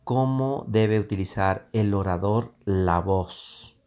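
Slow, low-voiced male speaking teacher. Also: darkish tone, smooth. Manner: slow, deliberate instruction with hesitant fillers; demonstrates vocal exercises with sustained vowels. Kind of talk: voice training lesson.

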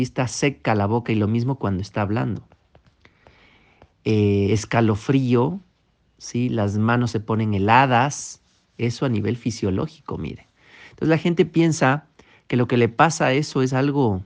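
Guy coaching public speaking, earnest, keeps asking "right?", mid-pitched voice. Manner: earnest, repetitive, addresses listener directly with "¿sí?". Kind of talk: instructional talk. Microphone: microphone.

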